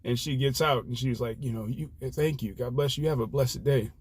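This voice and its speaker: A man's voice: medium pitch, a little fast, husky. Earnest man telling a rideshare story. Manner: earnest, rambling, lots of fillers. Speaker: rideshare driver sharing stories. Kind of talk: casual reflective storytelling.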